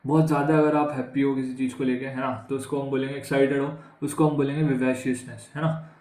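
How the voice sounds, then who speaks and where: A man's voice: medium pitch, little pitch movement, fast talker, a little mellow, roomy sound, low-quality recording. A man teaching English vocabulary for exams in a chatty way, with an Indian accent, often asking the class questions and calling them "guys". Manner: conversational, repeats questions to students, says "guys". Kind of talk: exam vocabulary lesson.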